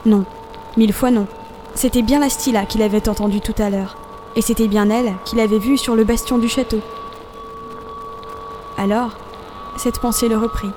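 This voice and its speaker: A woman narrating a classic novel as an audiobook, in a measured, expressive storytelling voice over a music bed. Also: a little high, noisy background.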